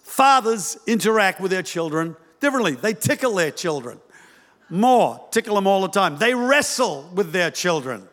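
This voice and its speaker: A male pastor preaching a sermon, animated and humorous, acting out voices as he tells it. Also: high-pitched, moderate pace. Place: church hall. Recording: church hall reverb.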